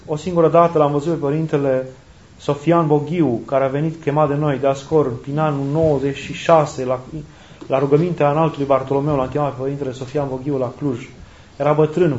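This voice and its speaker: Earnest priest preaching in a roomy space. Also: male voice, on the high side, steady tone, darkish tone. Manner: earnest, repeats key phrases for emphasis. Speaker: Orthodox priest. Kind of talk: sermon. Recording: roomy, dull lo-fi recording.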